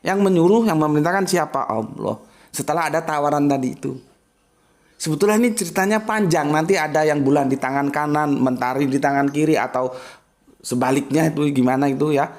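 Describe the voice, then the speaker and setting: A man's voice: on the high side, a little fast. A man giving a casual religious lesson, emphatic and full of rhetorical questions and spoken examples. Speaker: Islamic teacher.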